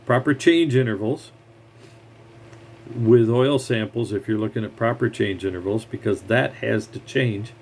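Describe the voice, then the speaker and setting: A man's voice: mid-range voice, a little slow, darkish tone, a little hiss or hum. A mechanic, a man, giving blunt, heated advice in a scornful rant straight to the camera. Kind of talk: ranting advice monologue.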